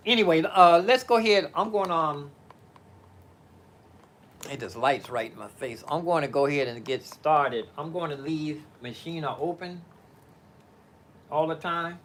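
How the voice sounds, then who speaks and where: A man's voice: on the high side, a little slow, long pauses, fairly bright tone, a little hiss or hum. An older man on a live stream from his living-room home studio, talking casually. He meanders and halts, thinking aloud with many fillers and restarts. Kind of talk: rambling live-stream chat.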